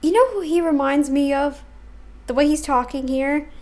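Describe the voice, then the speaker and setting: Higher-pitched woman, casual rambling commentary. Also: moderate pace, darkish tone, slight background noise. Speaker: reaction video host.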